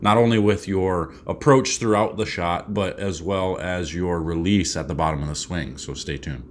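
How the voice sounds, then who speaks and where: Deep-voiced man giving a casual coaching tip. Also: moderate pace, a little hiss or hum. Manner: relaxed, rambling with fillers and restarts. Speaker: bowling coach. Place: small room at home, indoors.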